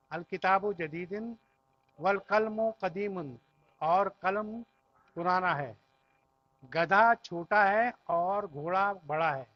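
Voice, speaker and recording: A man with a high voice teaches an Arabic class in a classroom at an unhurried pace. He patiently repeats every phrase and explains it word by word. The recording sounds dull and lo-fi. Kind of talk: classroom language lesson.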